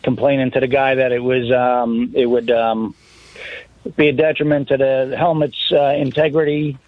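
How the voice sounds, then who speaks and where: A man's voice: mid-range voice, flat delivery, moderate pace, no room sound. A man calling in to a radio show over the phone, chatting casually and hesitating with many uhs and ums. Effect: heard over a phone line. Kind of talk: casual call-in chat. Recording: tinny dry phone line.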